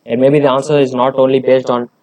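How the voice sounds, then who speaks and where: A man's voice: medium pitch, little pitch movement, fast, a little mellow, low-quality recording. A man reading a research paper aloud and explaining it, hesitant, with many fillers and restarts.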